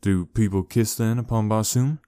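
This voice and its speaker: A man voicing an earnest, lovestruck adventurer in an audiobook, speaking low and earnest. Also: fairly even intonation, moderate pace, warm tone, clear, resonant tone, dry recording, studio quality, lightly acted.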